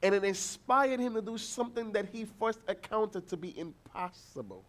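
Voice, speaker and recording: A man preaching a sermon as pastor, telling a family story and acting out the people in it, with bursts of shouting. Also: sits high, moderate pace. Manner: animated, acts out voices, shouts encouragement.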